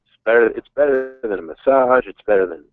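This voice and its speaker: Over a dull phone line, a caller in his thirties chats casually, rambling frankly about himself and mocking himself a little. He speaks fairly quickly in an expressive, medium-pitched voice, and the recording is dry.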